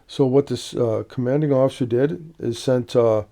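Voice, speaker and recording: Hesitant man with a very dark voice. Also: mid-range voice, moderate pace, creaky. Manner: relaxed, hesitant, many "uh" fillers. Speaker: badge collector presenting a video series. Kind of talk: casual show-and-tell explanation.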